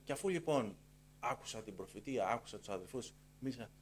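A middle-aged man gives a spoken church testimony in an animated, storytelling way. He has a voice of middle pitch. He stacks repeated phrases and shifts his tone as he acts out the dialogue. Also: slight background noise. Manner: acts out dialogue in changing tones. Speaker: church member giving a testimony. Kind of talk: personal conversion testimony.

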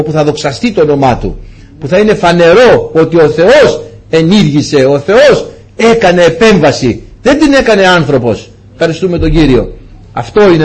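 A man preaching a sermon, telling stories and voicing the dialogue with big swings in pitch. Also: a little mellow, husky.

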